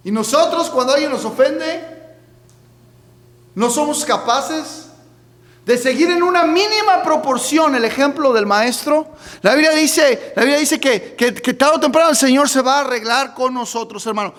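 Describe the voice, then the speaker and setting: A man preaches a midweek sermon in a very high voice, firing questions at the congregation and pressing each point until it swells to a shout. His voice rings through a church sanctuary with a long, trailing reverb. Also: expressive, moderate pace. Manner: preaching with repeated calls of "hermano" and questions to the congregation; fervent, rising to shouts. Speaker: pastor. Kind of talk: midweek Bible study sermon.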